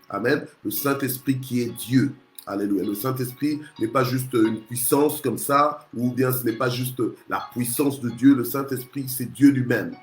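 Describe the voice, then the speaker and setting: Congo-born pastor preaching, keeps saying amen, restarts his words a lot, roomy church echo. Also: medium pitch. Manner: punctuates nearly every phrase with alleluia and amen; restarts and repeats words while searching for phrasing. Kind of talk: morning sermon. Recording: roomy echoey church sound.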